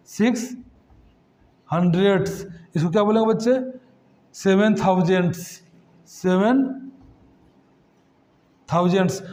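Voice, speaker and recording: Male math tutor, high voice, patient question-and-answer classroom delivery. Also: darkish tone. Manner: addresses students as kids, asks and answers his own questions.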